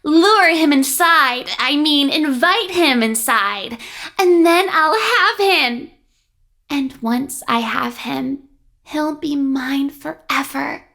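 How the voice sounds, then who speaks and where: A woman voicing a lovesick, obsessive, girlish animatronic in a video game, with breathy, dreamy swooning. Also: high-pitched, animated, slow, pushed and bright, exaggerated voice. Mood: scheming infatuation. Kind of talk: video game character acting.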